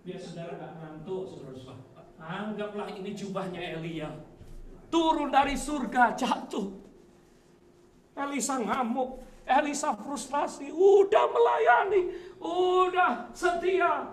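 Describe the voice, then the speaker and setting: A male pastor with a Surabaya Indonesian accent, preaching a lively sermon in a church and shouting dramatic quotes. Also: sits high, measured pace. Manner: mixes English words into speech.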